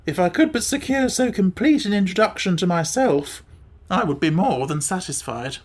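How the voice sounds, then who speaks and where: A man putting on a squeaky, mournful Gump creature. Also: animated, moderate pace. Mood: careless. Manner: formal, mournful phrasing. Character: squeaky-voiced huge flying Gump creature, melancholy, formal. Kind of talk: audiobook character voice.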